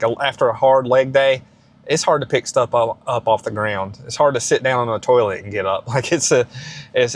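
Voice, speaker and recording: A man in his late thirties talks straight to the camera for his fitness channel. His voice sits at an ordinary middle pitch. He rambles and restarts often, but keeps pushing an encouraging message. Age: 30s. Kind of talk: casual advice vlog.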